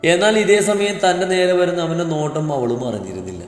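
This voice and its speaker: A man reads a romantic story aloud in a soft, tender way. His voice sits slightly high for a man and rings with long reverb. Faint music plays underneath. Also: big pitch swings, fairly quick. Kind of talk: storybook narration.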